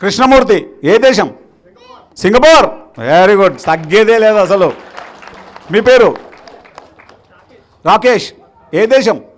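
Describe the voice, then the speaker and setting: A man's voice: high-pitched, lively intonation, slow pace, pauses often. A man, a meditation teacher, giving a motivational speech to students, exhorting them and rallying the crowd, with English words mixed in. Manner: exhorting, rallies the crowd to applaud. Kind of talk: motivational speech to a live audience.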